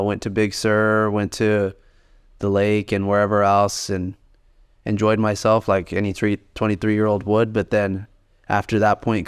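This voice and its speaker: A man's voice: on the low side, smooth. A man in his late twenties telling his story in a laid-back, rambling way as a podcast co-host. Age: 20s. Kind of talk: casual podcast chat.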